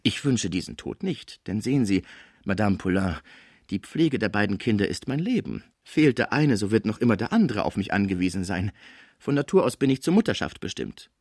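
A man voicing a scheming, fawning older female portress in an audiobook, flattering and pushy. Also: lowish voice, a little fast, no room sound, studio quality. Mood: wheedling. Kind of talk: audiobook character voice.

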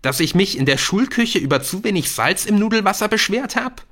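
In this audiobook character turn, a man reads as an earnest, anxious schoolboy urging and begging his friend, his voice lifted high with broad pitch movement. Brisk, expressive and a little bright, the exaggerated performance sounds worried, insistent and urgent throughout.

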